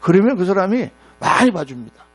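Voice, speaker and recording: A man's voice: high-pitched, fairly quick. A middle-aged male pastor preaching a sermon in a church, telling stories and acting out the quotes. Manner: storytelling with acted-out quotes, animated. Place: church sanctuary. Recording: mains hum.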